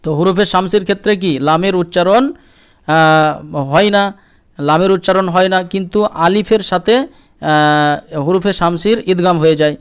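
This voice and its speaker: Man, Bengali accent, patient teacher, repeats slowly, high voice, smooth clear tone. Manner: patient, repeats each word slowly and checks with "okay?". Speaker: Quran reading teacher. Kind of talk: step-by-step lesson.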